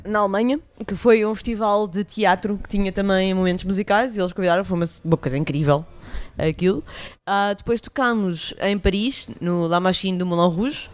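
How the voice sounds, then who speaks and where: A woman's voice: medium pitch, a little fast, few pauses. Casting: woman, European Portuguese accent, mid-range voice, band member chatting in an informal interview. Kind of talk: casual group interview.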